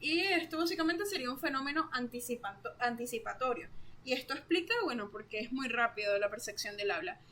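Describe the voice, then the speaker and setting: A woman's voice: on the high side, brisk, bright, forceful tone, slight background noise. A young woman explains course material in a casual, chatty way, full of fillers.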